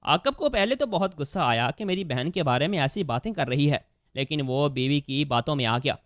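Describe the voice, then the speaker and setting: A man reading a family moral story aloud as a narrator, voicing every character's lines in the same steady storytelling voice. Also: on the high side, no echo, studio quality. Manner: reads all characters in one even storytelling voice.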